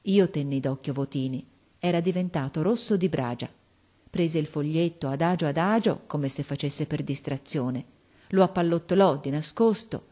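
A woman with a fairly low voice reads a classic novel aloud as an audiobook. Her delivery is expressive and measured.

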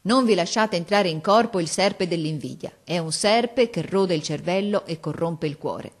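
A woman's voice: fairly low pitch, normal speed. A woman reading a stern schoolteacher's warning. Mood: admonishing. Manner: grave, admonishing.

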